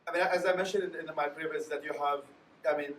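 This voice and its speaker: A man speaks as a panelist, earnest and winding, often restarting his sentences. His voice sits a little high, and the sound comes from a distant mic in a reverberant hall with a faint hiss underneath. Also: steady tone, fast, fairly bright tone. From Iraq. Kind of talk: panel discussion answer. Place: lecture hall.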